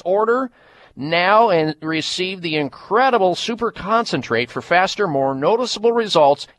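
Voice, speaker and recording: Man doing an infomercial pitch, higher-pitched voice. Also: fairly bright tone. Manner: emphatic, repeats phone number slowly. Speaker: radio health show host. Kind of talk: infomercial-style radio sales pitch.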